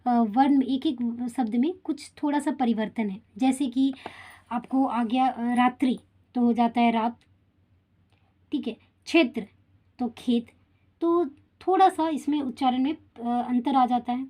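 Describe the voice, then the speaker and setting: A woman's voice: on the high side, a little slow, mellow. A woman teaching a Hindi grammar lesson to children, speaking to them directly and often checking in with short tag questions. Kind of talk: explaining a school grammar lesson.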